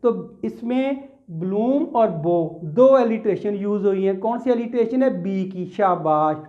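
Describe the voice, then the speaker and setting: A man's voice: high voice, expressive, takes it slowly, highs cut off. A man with a Pakistani accent teaching English grammar in a classroom lecture. He talks patiently, asks questions and answers them himself, calls his students "beta" and mixes English terms into his explanation.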